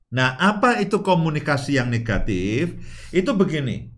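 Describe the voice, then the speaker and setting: A man's voice: fairly high pitch, sing-song, normal speed, a bit bright. A man co-hosting a show on marriage with his wife. He explains step by step, opens many lines with "nah," and laughs easily as he teases her. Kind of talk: instructive talk on marriage.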